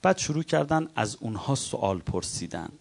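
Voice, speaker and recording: A man preaching a religious sermon as a story. He chants quoted lines and then retells them plainly, and his voice swells louder at the dramatic peaks. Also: mid-range voice, very animated, gravelly.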